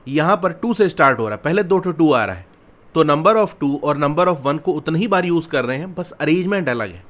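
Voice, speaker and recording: A man's voice: a little high, lively intonation, normal speed, a bit bright. A man teaching a maths lesson, explaining patiently step by step and asking questions, reading lines. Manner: patient, repeats steps and asks questions.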